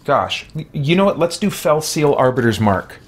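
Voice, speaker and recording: Over background music, a gaming streamer talks casually and hesitantly, thinking out loud in unscripted commentary. His voice is slightly high and a little rough, with a sing-song lilt at a normal speed.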